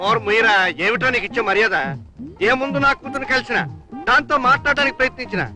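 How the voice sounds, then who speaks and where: A man's voice: extremely high pitch, fast talker, bright, forceful tone, heavily acted. A man playing a scheming, boastful middle-aged father in a comic old film drama, talking theatrically and wheedling. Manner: theatrical, wheedling, repeats a pet word. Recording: old film soundtrack with music.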